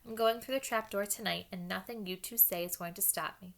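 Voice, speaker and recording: A woman's voice: medium pitch, a little fast, creaky, fairly bright tone. Woman doing a pushy young schoolboy wizard, urgent and insistent, storybook voice. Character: determined, frantic schoolboy wizard.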